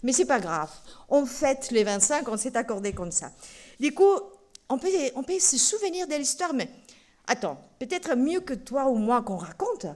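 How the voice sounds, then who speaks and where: A woman's voice: high-pitched, normal speed. A woman preacher giving a playful children's sermon in a church. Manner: lively and playful, talking to children.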